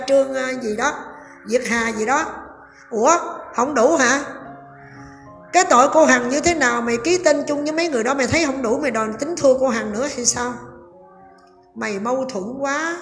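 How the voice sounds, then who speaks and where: A woman giving a sarcastic, scolding commentary and speaking directly to her viewers. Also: sits high. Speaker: online commentator. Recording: echoey room with long reverb and faint music.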